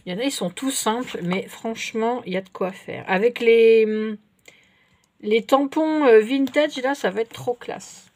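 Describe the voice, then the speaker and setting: A middle-aged woman doing a casual show-and-tell haul of craft supplies, chatty and unhurried, often pausing to correct herself. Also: a little high, darkish tone. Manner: chatty and unhurried, many fillers and self-corrections. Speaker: vlogger showing craft purchases.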